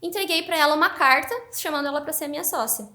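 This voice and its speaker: A woman's voice: high-pitched, quick pace. A woman guest on a podcast, telling her story animatedly in a casual interview. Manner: animated, excited narration.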